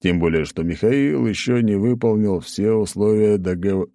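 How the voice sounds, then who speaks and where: A male narrator voicing a gruff, stern Spartan warrior in an audiobook. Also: lowish voice, moderate pace, warm tone, no room sound, voice pushed up, natural voice. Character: gruff deep-voiced Spartan warrior man.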